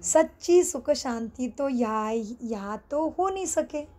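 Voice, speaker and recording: A middle-aged woman leading a spiritual class, speaking in a measured, explanatory way and asking questions she then answers herself. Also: high voice, expressive, dark tone.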